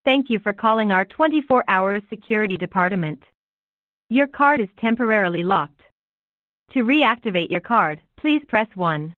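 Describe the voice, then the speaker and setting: A woman's voice: medium pitch, no echo. Tinny automated phone-menu woman. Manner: even, measured prompt delivery. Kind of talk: recorded phone menu prompts. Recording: tinny dry phone line.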